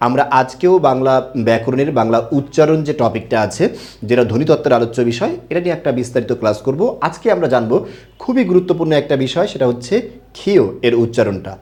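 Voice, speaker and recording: A man's voice: medium pitch, lively intonation, fast, a little mellow. A young man teaching a Bengali grammar class online, explaining step by step and asking his students questions.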